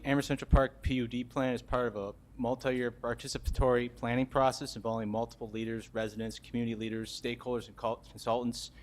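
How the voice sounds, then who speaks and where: A man, a town landscape architect, presenting a park plan at a public board meeting in a steady way. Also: mid-range voice.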